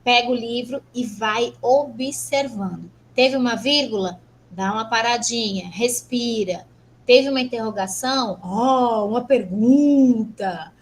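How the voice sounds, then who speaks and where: A Brazilian woman lecturer teaching an online class, brisk and teasing, asking rhetorical questions. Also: fairly high pitch, a little hiss or hum, poor audio. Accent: Brazilian Portuguese. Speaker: university lecturer.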